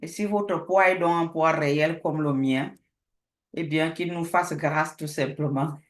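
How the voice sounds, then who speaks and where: A woman pastor preaching a sermon, telling a testimony with lively storytelling and acting out both sides of a conversation. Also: low voice, measured pace. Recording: echoey room.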